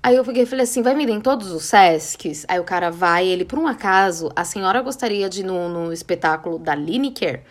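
A young Brazilian woman from the São Paulo area hosts a podcast, telling a story casually and acting out the dialogue with lively voices. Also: on the low side, a little fast, hardly any pauses. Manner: animated, acts out quoted dialogue. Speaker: podcast host.

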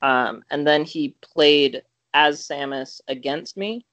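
A young man co-hosting a podcast tells a story in casual chat, rambling with lots of fillers and restarts. His voice is fairly high, pushed and bright, and he speaks slowly. There's no room sound.

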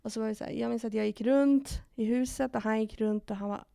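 A woman guest on a podcast, telling a personal story in lively detail with quoted dialogue and frequent hesitation fillers. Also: fairly high pitch, gravelly, smooth, dry recording, studio quality. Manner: animated retelling with quoted dialogue and many fillers.

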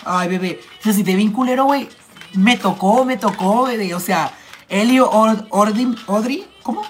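A man with a Mexican accent chatting casually on a makeup livestream, clearing his throat as a cold starts, affectionate and full of slang with his viewers. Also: high-pitched, normal speed, slight background noise. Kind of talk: casual live-stream chat reading comments.

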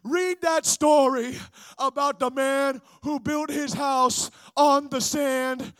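A man's voice: extremely high pitch, steady tone, takes it slowly, a bit bright, no room sound, studio quality, heavily acted. A man voicing an earnest male traveling evangelist who stammers and repeats words. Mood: stammering.

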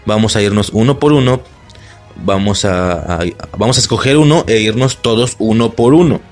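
A man with a Mexican accent recapping a film in an excited, casual way, swearing freely and laughing often. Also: on the low side, normal speed, faint music behind. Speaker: movie reaction vlogger.

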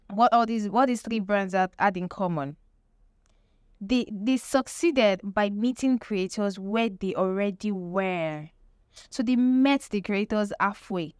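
Woman, mid-pitched, crisp clear voice, explanatory presenter, emphatic repetition, rhetorical questions, dry close sound. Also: no room sound. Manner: emphatic, repeats key phrases, asks rhetorical questions. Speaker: presenter teaching marketing tips. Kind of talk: explanatory lesson with examples and tips.

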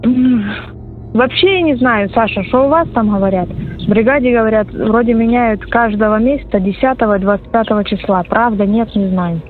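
A woman's voice: a little high, normal speed, slight background noise. A woman chatting casually on a phone call with a soldier, heard over a radio intercept. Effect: heard over a radio or intercepted phone line. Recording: tinny phone-like intercept, music laid over.

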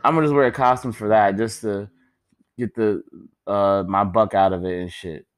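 A young man hosting a podcast, doing a rambling, joking solo monologue full of swearing, his pitch jumping up when he gets excited. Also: moderate pace. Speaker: podcast host. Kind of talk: casual comedic monologue.

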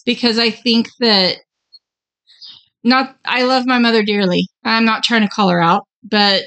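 A woman's voice: a little high, fairly even intonation, unhurried, fairly bright tone. A middle-aged woman co-hosting a podcast, speaking reflectively and candidly about herself. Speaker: podcast co-host. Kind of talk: casual chat.

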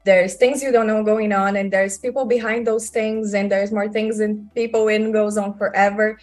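A woman's voice: medium pitch, level tone, moderate pace, darkish tone. Brazilian woman, chatting as a filmmaker guest, music behind her. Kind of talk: conversational interview answers.

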